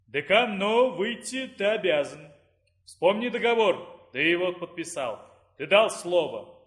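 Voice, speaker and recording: A man reading the part of an imperturbable rector in an audiobook, speaking calmly and firmly. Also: high-pitched, unhurried, full character voice. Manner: calm, unruffled.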